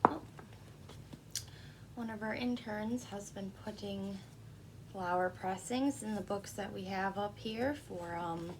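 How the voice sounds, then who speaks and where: A woman in a soft-spoken ASMR role-play as a librarian, talking in a hushed, gentle library voice with a creaky edge. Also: medium pitch, takes it slowly, long pauses, noisy background.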